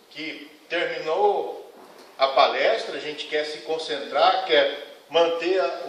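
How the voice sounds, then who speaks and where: Speaking to a congregation in the lecture hall of a spiritist center, a man delivers an earnest, admonishing lecture and addresses the audience frankly. His voice is fairly high and a bit bright. The hall is echoey, the mic distant, and there's slight background noise.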